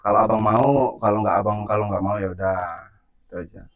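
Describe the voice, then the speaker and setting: A man acting in an amateur skit as a calm hero who stands up to a thug, teasing him and laughing at him. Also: on the low side, quick pace, a crowd in the background. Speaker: skit lead and channel host.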